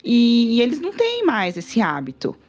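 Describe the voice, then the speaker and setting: A woman speaking as a podcast guest, lively and expressive, who brings her stories to life by voicing the people in them. The sound is a little dull and lo-fi, with faint music underneath. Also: a little high, moderate pace. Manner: animated storytelling, acts out quoted dialogue, laughs easily. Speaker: psychologist and podcast host guest. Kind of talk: casual podcast conversation.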